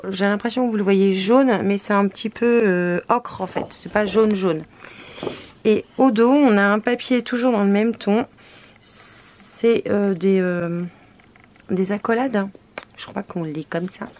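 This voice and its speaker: A scrapbooking vlogger from France shows off craft papers in a laid-back unboxing, her speech hesitant and dotted with fillers. Her voice is mid-range and a little mellow, with a little hiss or hum in the background.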